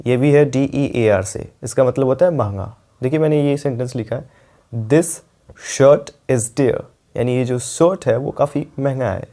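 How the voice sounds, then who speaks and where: A young man teaching an English grammar lesson, with an Indian accent, explaining patiently and repeating example sentences slowly. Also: mid-range voice, dark tone.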